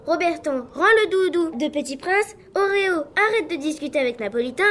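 Cast a woman as a firm, caring mother eagle for a storybook, very high voice, faint noise behind. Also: lively intonation, moderate pace, a bit bright. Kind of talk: storybook voice acting.

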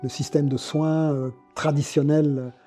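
A woman with a very dark, mellow tone speaks in a casual discussion, restarting words as she builds her argument. Soft music plays faintly behind. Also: low voice, level tone, measured pace. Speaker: discussion participant.

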